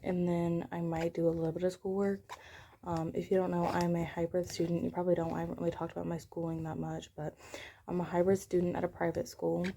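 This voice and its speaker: A young woman talking casually and softly while showing her crochet work at home, sometimes dropping to a hush. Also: fairly low pitch, level tone, fast talker, creaky, slight background noise. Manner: soft-spoken, sometimes hushed. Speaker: crochet vlogger. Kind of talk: casual crochet tutorial chat.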